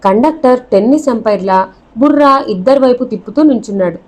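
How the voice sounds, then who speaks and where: Woman narrating a novel, fairly high voice. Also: brisk, rough recording. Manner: expressive storytelling.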